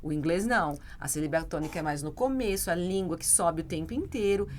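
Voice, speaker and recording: A woman's voice: lowish voice, lively intonation, a little fast, darkish tone, slight background noise. A Brazilian woman English teacher co-hosting a podcast, chatting casually and explaining with examples and frequent tag questions.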